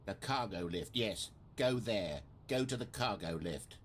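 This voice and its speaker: A man voicing a talking bucket in a video game, a commanding and coaxing companion giving slow orders. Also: lowish voice, expressive, slightly rough.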